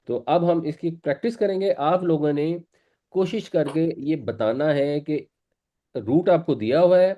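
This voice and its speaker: A man's voice: on the high side, dark tone. A man teaching a Quran class, patiently explaining pronunciation and repeating words for his students. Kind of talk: classroom lesson.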